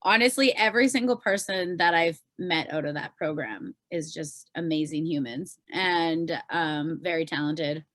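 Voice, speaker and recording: A Canadian pop singer, appearing as a podcast guest, chats in a casual, informal way and sprinkles "like" throughout. Her voice sits low with a fairly bright tone, captured in a dry recording.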